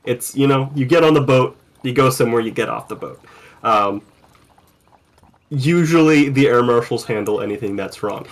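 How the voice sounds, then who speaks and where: A man's voice: mid-range voice, moderate pace. A man narrating a tabletop game as game master, loose and rambling with lots of ums.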